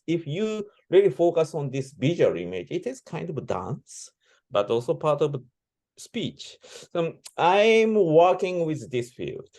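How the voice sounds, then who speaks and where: A man giving reflective interview answers as a composer, speaking halting non-native English with broken grammar. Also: fairly high pitch, a little mellow. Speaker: interviewee, composer and sound performer.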